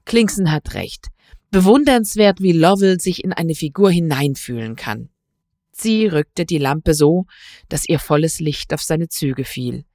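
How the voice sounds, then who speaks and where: Low-voiced woman reading a story. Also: expressive, measured pace, dark tone, no echo, studio quality. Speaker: reader. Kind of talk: scripted narration of a literary story.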